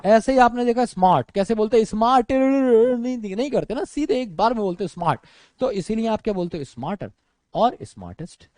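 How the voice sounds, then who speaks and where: Animated young man lecturing on grammar. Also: high-pitched, fairly quick, no room sound. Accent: Indian English. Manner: animated, addresses students as friends and brother, mixes English into speech. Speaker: English teacher. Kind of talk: exam-prep grammar lecture.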